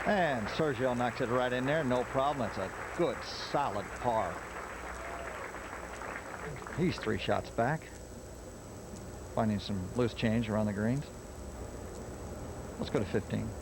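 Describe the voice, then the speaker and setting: A man's voice: mid-range voice, measured pace, pauses often, crowd noise. A man working as a golf commentator, calling live tournament play over outdoor noise. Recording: noisy outdoor broadcast.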